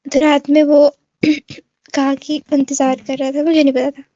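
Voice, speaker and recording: A woman's voice: sits high, little pitch movement, normal speed, dark tone, dull audio. A woman telling a story to her viewers in a casual, rambling way, full of fillers and restarts, often speaking to the listener directly. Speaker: gamer recounting an online incident.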